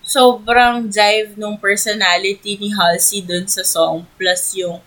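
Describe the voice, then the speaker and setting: Woman, Filipino accent, bright and forceful tone, excitable, casual fan chat, co-host. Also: medium pitch, takes it slowly, rough recording. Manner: gushing, excitable, mixing English into Tagalog. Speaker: podcast co-host.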